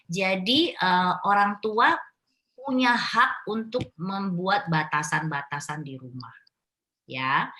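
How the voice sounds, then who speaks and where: A middle-aged woman speaking at a parenting class, explaining patiently and gently with a steady stream of "ya" in a live question-and-answer session. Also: fairly low pitch. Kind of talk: live online Q&A advice.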